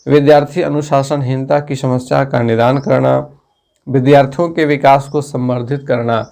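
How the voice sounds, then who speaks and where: Male teacher, exam-prep lesson, reads questions and options aloud, explains answers step by step, mid-pitched voice. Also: mellow. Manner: methodical, plain-spoken, addressing students directly.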